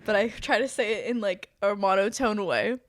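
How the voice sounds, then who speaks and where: A woman's voice: mid-range voice, moderate pace, dry recording, studio quality. A young woman co-hosting a podcast in casual chat, talking freely with lots of fillers and giggles. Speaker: podcast co-host.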